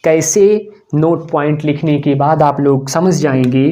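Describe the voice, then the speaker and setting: A man with a Hindi accent teaching a grammar lesson, dictating slowly, one word at a time, with long pauses. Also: a little high, fairly even intonation, mellow, poor audio. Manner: slow, drawn-out dictation with long pauses between words.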